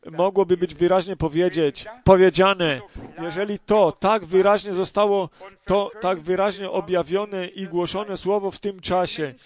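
A man preaching a sermon, reading scripture aloud and explaining it with many pauses, fillers and restarts, sometimes asking the congregation whether they agree. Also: high-pitched. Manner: asks the congregation questions.

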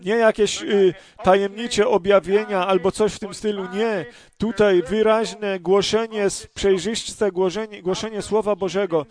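A man preaching a sermon, reading scripture aloud and explaining it with many pauses, fillers and restarts, sometimes asking the congregation whether they agree. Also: sits high, fairly even intonation, darkish tone. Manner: asks the congregation questions.

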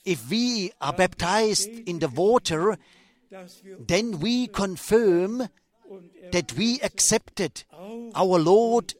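An older man preaching a sermon in a slow, emphatic way, repeating his phrases and restarting as he goes. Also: high voice.

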